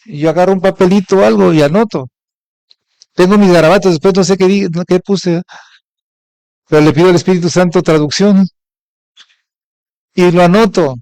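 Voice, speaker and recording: A man's voice: high voice, steady tone, moderate pace, pauses often, a little mellow, no echo, poor audio. A middle-aged Mexican man preaching a Sunday sermon as pastor, often asking his congregation questions. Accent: Mexican Spanish. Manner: asks the congregation frequent rhetorical questions.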